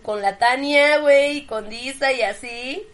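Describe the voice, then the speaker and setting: Slangy Mexican woman, lively podcast talk. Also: high-pitched, a little slow. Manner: slangy, lively, laughs often. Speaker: podcast co-host. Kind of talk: casual chat.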